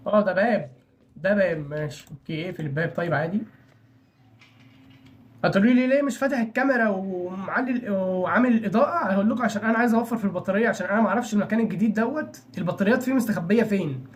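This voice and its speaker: Fast-talking Egyptian young man. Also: sits high. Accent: Egyptian Arabic. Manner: nervous, chatty, apologizing to characters. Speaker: gaming channel host. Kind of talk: horror game let's play commentary.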